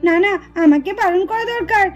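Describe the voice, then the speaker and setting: A woman's voice: extremely high pitch, a little fast, pitched below the performer's own voice. A woman voicing an anxious tattletale girl doll who frets over the baby in a puppet cartoon. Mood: worried. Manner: anxious, fretting.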